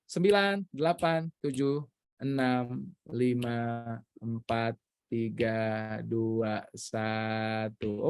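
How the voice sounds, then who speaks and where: A man from Indonesia, a public speaking coach, teaching an online workshop in an energetic way, mixing in English phrases. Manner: energetic, swings pitch for emphasis, mixes in English phrases. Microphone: video call.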